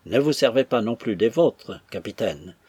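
Man playing a whiny, self-pitying young servant, gravelly and husky, animated. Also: mid-range voice, moderate pace, dry recording, exaggerated voice. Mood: whining, indignant. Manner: whining, tearful protest.

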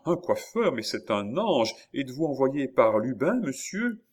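A man voicing an excitable, despairing noblewoman, a countess, in a dramatic, exclamatory way. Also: mid-range voice, unhurried, voice pushed up. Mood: overjoyed.

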